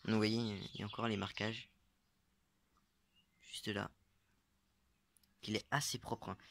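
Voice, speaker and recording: A man's voice: on the low side, fairly even intonation, measured pace, creaky, fairly bright tone, slight background noise. A young man casually showing his metal-detecting finds, talking hesitantly with many fillers and unsure asides. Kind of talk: casual show-and-tell vlog.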